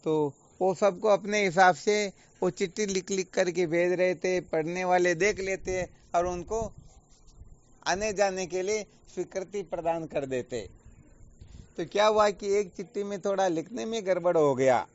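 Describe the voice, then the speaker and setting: A man acting as a spiritual teacher gives an unhurried online discourse in a high-sitting voice, explaining patiently and asking many rhetorical questions. His video-call audio is dull and lo-fi.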